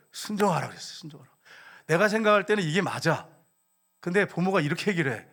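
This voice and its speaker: A male pastor delivering a sermon in a voice pitched a little above the usual for a man. He keeps turning to his congregation with questions, pressing his points home. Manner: preaching with frequent questions to the congregation. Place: church service.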